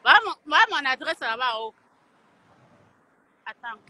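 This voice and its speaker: A woman's voice: high-pitched, animated, normal speed, bright, forceful tone. A woman from Cameroon with a Cameroonian French accent, ranting in a heated live stream, taunting and confrontational and slipping into Italian, speaking close to a phone. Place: at home in Italy.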